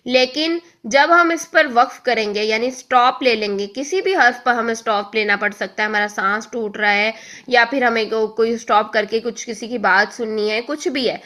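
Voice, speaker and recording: A woman teaching a recorded lesson on reading the Quran, explaining patiently and often checking in with the listener. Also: a little high. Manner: draws out example syllables slowly and loudly.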